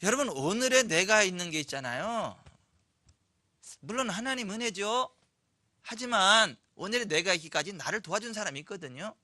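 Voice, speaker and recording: A man preaching a Sunday sermon, telling a story with lively acted-out voices and questions to the congregation. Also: high voice, no room sound, clean studio sound. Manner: animated storytelling, acts out quoted voices, asks the congregation questions. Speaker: pastor. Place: church sanctuary.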